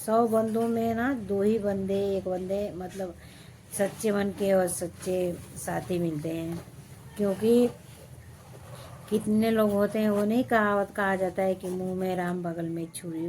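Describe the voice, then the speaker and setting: A woman vlogger speaks unhurriedly and in a chatty, moralizing tone. Her voice sits low and mellow. A faint room ambience stays in the background. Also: steady tone, takes it slowly, a little hiss or hum. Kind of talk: casual home vlog talk.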